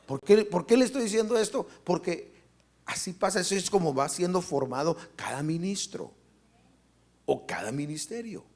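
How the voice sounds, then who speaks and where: A man preaches fervently to his church and keeps asking the congregation questions. His voice sits a little high and carries a gravelly fry. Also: expressive, normal speed, darkish tone. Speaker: pastor. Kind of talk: sermon. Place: church service, live stream.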